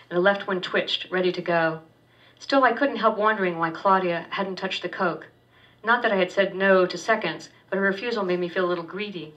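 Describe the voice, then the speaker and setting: At a public reading in a university poetry center, a woman author reads her own first-person fiction with a steady, wry delivery that stumbles now and then. Her voice is bright and slightly low. The recording is dull and lo-fi, with her far from the mic.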